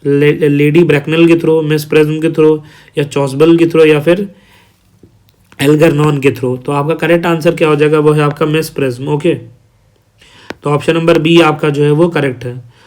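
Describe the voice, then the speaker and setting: A man runs through exam multiple-choice questions as a tutor. His voice sits a little high, and he falls into a steady repeating pattern of listing options and announcing the answer. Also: moderate pace. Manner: repetitive, reads options then announces answer. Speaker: teacher. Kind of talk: exam quiz walkthrough.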